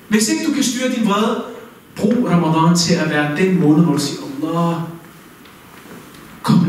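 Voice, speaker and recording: High-voiced man preaching in an echoing mosque. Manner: lively, direct preaching with rhetorical questions. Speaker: Islamic teacher. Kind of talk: mosque talk. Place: mosque hall. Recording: very echoey hall, mic far off.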